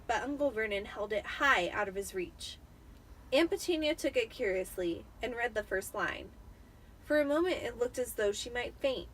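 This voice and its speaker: A woman who is tipsy from wine performs an amateur, dramatic reading of a story as its narrator, in an audiobook style. Her voice is fairly high and a bit bright, but it's recorded from a distance with poor audio.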